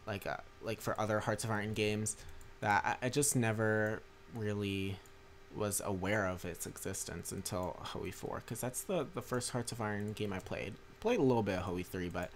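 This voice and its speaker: Tired after a long day, a young streamer and mod maker livestreams a strategy game, rambling through casual commentary with many fillers and restarts while reading chat. His voice sits on the low side at normal speed, with slight background noise.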